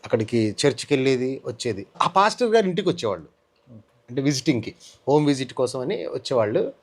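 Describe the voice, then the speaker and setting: A man's voice: mid-range voice, big pitch swings, fast talker. A man giving a personal testimony in an interview, telling his story earnestly and acting out the lines of the people in it. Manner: earnest storytelling, acts out quoted dialogue. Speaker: testimony guest.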